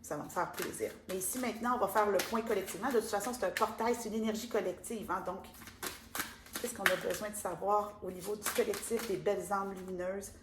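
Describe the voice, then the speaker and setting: A woman with a Québécois accent giving a casual oracle card reading, chatty and gentle, with many fillers. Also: mid-range voice, steady tone, fairly quick. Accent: Québécois French. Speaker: card reader and spiritual guide. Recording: echoey room with faint ambient noise.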